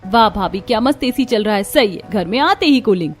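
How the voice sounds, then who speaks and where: A woman's voice: mid-range voice, lively intonation, a little fast, soft background music, natural voice. A woman voicing a cheerful, chatty college-going young sister-in-law in a cartoon.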